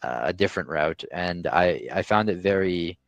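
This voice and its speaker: With a deep, gravelly, animated voice at normal speed, a young Canadian man guests on a podcast, casually discussing his life and his restaurant tech company, which he founded. He's talkative, with frequent restarts and fillers. The recording is dry, with the highs cut off.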